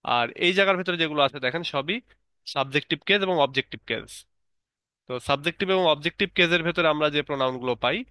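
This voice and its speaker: A man's voice: mid-range voice, bright, forceful tone, smooth, no echo. A man teaching an online English grammar lesson, explaining step by step and repeating key terms.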